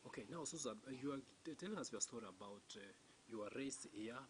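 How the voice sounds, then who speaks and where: Halting, encouraging male interview host. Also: mid-range voice, animated, low-quality recording. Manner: halting, encouraging, many fillers. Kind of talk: testimony show interview. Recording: faint background noise.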